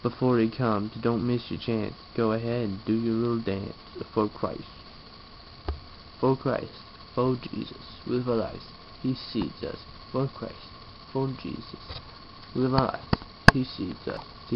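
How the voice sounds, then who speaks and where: Lying in a small bedroom, a young man vlogs casually with a mid-range voice, fairly even intonation, and an unhurried pace, sounding sleepy, yawning, mumbling, and trailing off before he raps some verses. He holds the webcam close overhead, and the recording is noisy, dull, lo-fi webcam audio.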